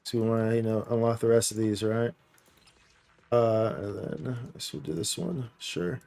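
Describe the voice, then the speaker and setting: Gravelly and warm, a lowish male voice moves at a moderate pace as he livestreams his gameplay. He keeps it casual and slangy, constantly saying "dude" and "boy" to both the game and his chat, with game music in the background.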